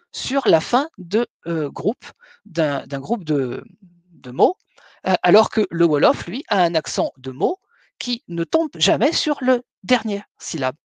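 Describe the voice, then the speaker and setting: A middle-aged man giving a webinar lecture, measured and hesitant, with frequent fillers between phrases. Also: sits high, no echo.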